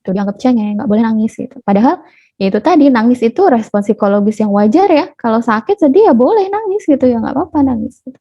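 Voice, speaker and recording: Female parenting speaker, fairly high voice, chatty and playful, lo-fi video-call sound. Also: lively intonation, fast, mellow. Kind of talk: casual online webinar talk. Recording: dull lo-fi webinar audio.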